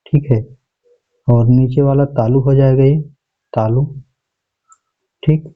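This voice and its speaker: A man's voice: mid-range voice, fairly even intonation, slow. Methodical male teacher, lo-fi. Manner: methodical, reads out each option, repeats "okay" often. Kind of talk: exam paper walkthrough lesson.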